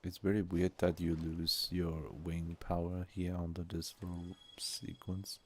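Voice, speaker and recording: A man's voice: low voice, completely flat delivery, a little slow, slight background noise. A man whose first language is Turkish, chatting casually with viewers while streaming a game and musing aloud.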